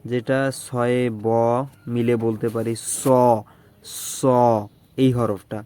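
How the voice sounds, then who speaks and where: A man's voice: mid-range voice, little pitch movement, drawn-out words, a little mellow. A man teaching Arabic letter pronunciation, repeating each syllable several times and checking in with the listener. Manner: drills syllables over and over, checks in with "okay?".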